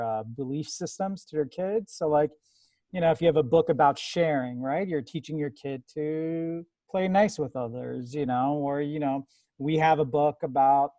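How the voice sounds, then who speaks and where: A man's voice: a little high, warm tone, no room sound. A man who grew up in the United States, talking as an artist being interviewed in a casual, rambling way with many fillers and restarts. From born in Iran, grew up in America.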